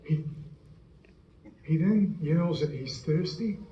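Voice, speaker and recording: A man playing an earnest Roman centurion who tells what he witnessed, halting and stammering, in a church stage monologue with an echoey hall, dull sound and faint music. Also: on the high side, expressive, mellow, a little hiss or hum. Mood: awed. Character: earnest Roman centurion soldier, awed eyewitness.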